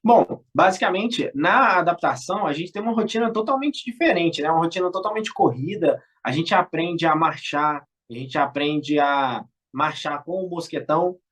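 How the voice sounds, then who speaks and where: A young man from Brazil, a guest in a casual interview, telling animated, slangy stories and acting out shouted lines. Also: a little high, normal speed, few pauses. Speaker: guest, former military school cadet.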